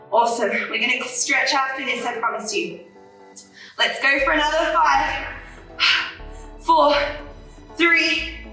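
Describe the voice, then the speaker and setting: A woman's voice: sits high, bright, forceful tone. A woman leading a follow-along pilates workout, upbeat and encouraging, counting down reps and a little out of breath. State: slightly out of breath. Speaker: pilates instructor. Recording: roomy echo, distant from mic, faint music.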